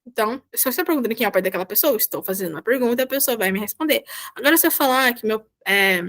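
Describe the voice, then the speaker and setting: A woman's voice: a little high, animated, racing, fairly bright tone. A Brazilian woman with a Brazilian Portuguese accent, a volunteer teacher explaining a Spanish lesson patiently over a video call and often checking that students follow. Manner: patient, repeats "tá?" to check understanding. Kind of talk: online class explanation.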